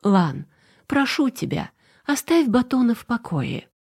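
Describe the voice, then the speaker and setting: Playful, pleading young bride with a raised, husky voice, as a woman reads her. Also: a little high, sing-song, a little slow, a little mellow, voice pushed up, heavily acted. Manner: pleading, lightly defiant. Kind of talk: audiobook character reading.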